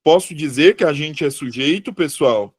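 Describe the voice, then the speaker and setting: A man's voice: on the high side, moderate pace, breathy edge. A man with a Brazilian Portuguese accent teaching a live exam-prep review class, chatty, checking in with students and correcting himself aloud.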